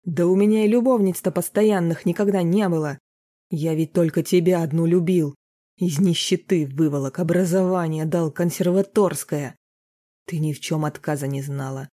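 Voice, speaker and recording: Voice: medium pitch, moderate pace, close to an everyday voice. A reader voicing Robert, a jealous domineering husband. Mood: bitter. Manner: shouting, scornful. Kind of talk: audiobook character reading.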